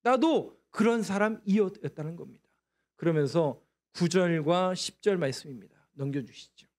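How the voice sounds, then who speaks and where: A man's voice: high-pitched, expressive, normal speed, darkish tone. A man preaching a sermon as pastor, putting questions to the congregation and answering them himself, and acting out prayers in a pleading voice. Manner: leads responsive scripture reading. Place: church sanctuary.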